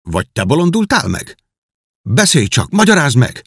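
In a heavily acted performance, a man voices a beggar boy posing as a young king, sounding bewildered as he questions in puzzlement and issues grand orders. His medium-pitched voice, shifted above his natural register, swings widely in pitch with a fairly bright, breathy tone, recorded dry at studio quality.

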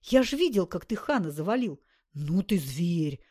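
A woman voicing a loud, boastful male gangster who talks in rough slang. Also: mid-range voice, lively intonation, moderate pace, close to an everyday voice. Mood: boisterous.

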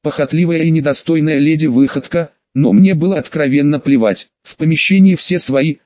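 A man reads a story aloud with a steady storytelling delivery. His voice sits a little high. The recording is dry and slightly muffled. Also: brisk, no room sound. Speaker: audiobook reader. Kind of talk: audiobook narration. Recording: dry, slightly dull audio.

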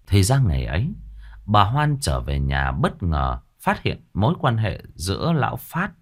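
A man narrating a ghost story in a dramatic, expressive way. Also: low voice.

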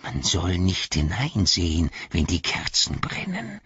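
Creeping sly creature, raspy whispering, repetitive, audiobook, dull recording. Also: male voice, low voice, huge pitch swings, a little slow, fairly bright tone, no room sound, exaggerated voice. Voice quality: hissing whisper, breathy and strained. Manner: repeats himself, speaks of himself in third person. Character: wretched creeping male creature, furtive and sly. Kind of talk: audiobook character voice.

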